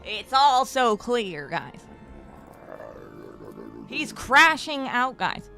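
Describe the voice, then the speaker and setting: A woman's voice: a little high, big pitch swings, very slow, sharp tone. A woman co-hosting a game stream with casual, playful, joking chat. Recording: music behind.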